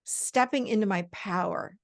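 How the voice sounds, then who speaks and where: An enthusiastic woman podcast host with a gravelly edge to her voice, recorded dry and close. She affirms her guest warmly and laughs easily as she talks. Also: medium pitch, normal speed, no echo. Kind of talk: conversational interview.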